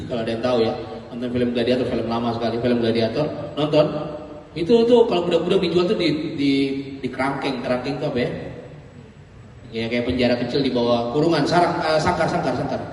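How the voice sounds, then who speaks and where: Pastor in an echoey hall. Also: male voice, medium pitch, brisk, a little mellow, a little hiss or hum. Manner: casual, joking, acts out voices with laughter. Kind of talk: lively youth sermon. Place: church hall. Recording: echoey hall, distant mic.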